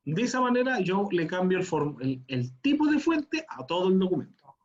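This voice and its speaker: A man teaches a class, his voice sitting fairly high for a man. He explains each step patiently and keeps checking that students follow. The audio is dull and muffled, as if it came through a lo-fi call. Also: big pitch swings, moderate pace. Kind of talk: online class instruction.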